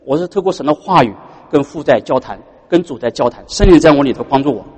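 A man preaching a sermon, animated and throwing rhetorical questions at the congregation. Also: fairly high pitch, quick pace, husky, long reverb tail. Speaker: pastor.

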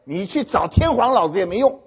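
A man giving a humorous talk to an audience, animated and often stopping to ask whether his listeners have understood. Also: sits high, a little fast, breathy edge. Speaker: speaker addressing an audience. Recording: dull long-reverb hall recording.

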